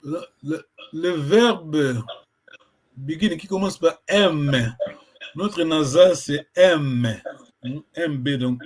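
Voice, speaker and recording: A man teaching a language lesson, patiently repeating words slowly for a learner. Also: a little high.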